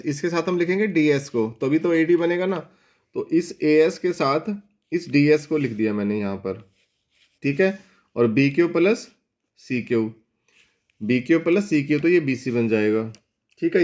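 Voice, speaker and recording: A man teaching a maths lesson in Hindi mixed with English, often checking in with students and slowing down to dictate statements. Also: on the high side, darkish tone. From India. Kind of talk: board lesson explaining geometry.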